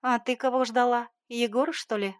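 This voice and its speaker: A woman's voice: a little high, moderate pace, no echo, studio quality, close to an everyday voice. A woman voicing a spiteful, scolding middle-aged mother in an audiobook, talking sharply and with scorn. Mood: mocking.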